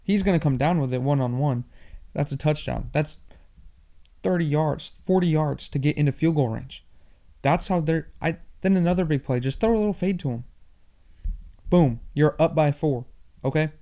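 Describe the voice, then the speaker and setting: A young man hosting a sports podcast, talking fast and animated in a casual monologue, often repeating himself. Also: a little high. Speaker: podcast host.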